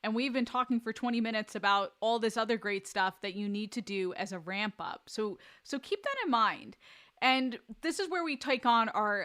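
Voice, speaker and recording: Woman podcast cohost, agreeable, brisk and teachy, lots of yeps. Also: mid-range voice, bright, forceful tone. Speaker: podcast co-host. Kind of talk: casual business podcast chat.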